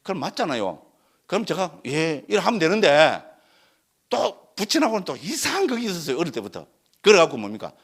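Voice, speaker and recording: A man's voice: sits high, wildly swooping pitch, brisk, gravelly, fairly bright tone, slightly rough. A man, a Buddhist monk giving a Dharma lecture in a conversational way, often asking the audience to agree. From Korea, Gyeongsang region. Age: 60s. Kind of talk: Dharma lecture with personal story.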